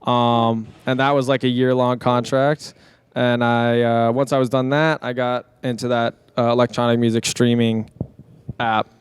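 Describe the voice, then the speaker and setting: Recorded dry, this guest's mid-range voice has a clear, resonant quality, little pitch movement, and a moderate pace. He's a young DJ and producer from around San Diego, California, chatting casually on a podcast with a meandering style and plenty of fillers.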